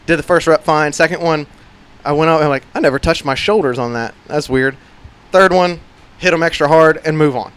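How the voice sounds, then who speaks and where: A man's voice: fairly high pitch, fairly quick, hardly any pauses, fairly bright tone, clear, resonant tone. A man hosting a casual fitness podcast, rambling with lots of "like" and "you know" and swearing now and then. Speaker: gym coach and podcast host.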